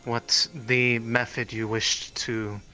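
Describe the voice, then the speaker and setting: A man playing a guide who interprets the spirits, speaking in a measured, hesitant way. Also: mid-range voice, flat delivery, bright, forceful tone, faint music behind, poor audio. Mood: guiding. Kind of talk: in-character roleplay.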